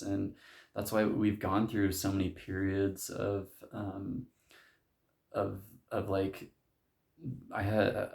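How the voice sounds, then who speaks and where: A young man talks through a loose, rambling spiritual monologue for his vlog, leaning on filler words as he goes. His voice sits low with a gravelly fry and stays flat in tone. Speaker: vlogger.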